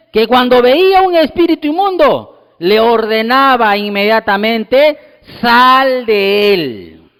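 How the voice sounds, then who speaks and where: A man preaching a sermon, reading scripture aloud and speaking emphatically, with recurring refrains of praise between his points. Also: very high-pitched. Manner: reads scripture passages aloud. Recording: long reverberant hall.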